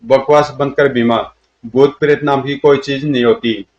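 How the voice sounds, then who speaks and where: A man's voice: mid-range voice, steady tone, normal speed, a little mellow, natural voice. A man voicing a brutal male bandit chief who gloats and threatens, on dull lo-fi audio. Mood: recounting.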